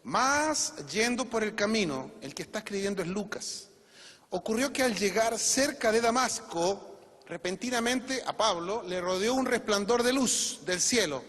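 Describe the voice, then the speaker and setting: High-voiced husky pastor preaching. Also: male voice, a bit bright. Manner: preaching with rhetorical questions to the congregation. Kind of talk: sermon. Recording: long reverb of a church hall.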